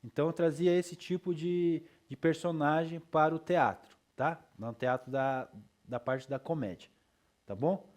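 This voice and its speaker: A man's voice: fairly high pitch, unhurried, darkish tone. A male teacher lecturing his class in a loose, chatty way, with frequent tag questions and checks for understanding.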